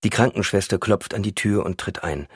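A man narrating an audiobook in a steady, measured reading. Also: sits low, slightly rough, no room sound, studio quality.

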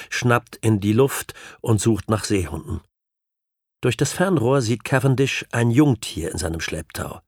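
A man reading a novel aloud as an audiobook narrator, in measured, even storytelling. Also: medium pitch, no room sound, clean studio sound. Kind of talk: scripted literary narration.

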